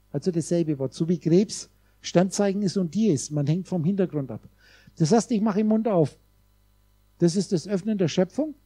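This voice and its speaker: A man giving a seminar lecture to a live audience, explaining step by step, speaking straight to his listeners and sometimes drawing out vowel sounds slowly. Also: sits high, warm tone, no echo.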